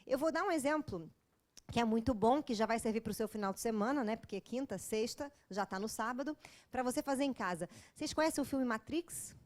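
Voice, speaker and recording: High-voiced, animated Brazilian woman lecturing. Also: fairly quick. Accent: Brazilian Portuguese. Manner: animated, jokey storytelling with sudden swings from loud to hushed. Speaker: lecturer at a spiritist talk. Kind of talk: humorous spiritual lecture.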